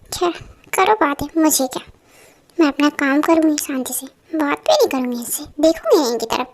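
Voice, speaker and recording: A woman's voice: high voice, sing-song, a little fast. A woman dubbing a jealous, pouty young female assistant in a Hindi fan drama. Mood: grumbling. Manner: pouty, complaining.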